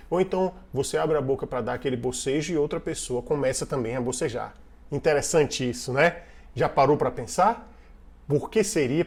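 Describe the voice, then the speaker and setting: A man's voice: mid-range voice, a little mellow. A man coaching the viewer on team communication in a casual online lesson, talking conversationally, repeating and restarting phrases, and asking the listener questions.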